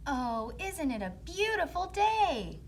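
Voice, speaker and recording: A woman's voice: extremely high pitch, sing-song, slow, a little hiss or hum, pitched above the performer's own voice, full character voice. A woman voicing a kind, wistful young girl in a fairy tale storybook. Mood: cheerful.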